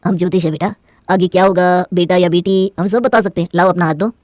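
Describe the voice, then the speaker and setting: A woman's voice: fairly low pitch, steady tone, quick pace, a little mellow, no echo, studio quality, close to an everyday voice. A woman voicing a self-assured male astrologer priest in a moral story drama.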